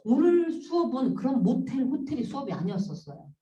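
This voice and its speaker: A woman psychology lecturer tells classroom stories with a bright, rather high voice that swings widely in pitch. She keeps slipping into the voices she quotes. She sounds set back from the mic in a roomy space. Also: brisk, far from the mic, dull audio. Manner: animated, acts out quoted voices. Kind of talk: storytelling lecture.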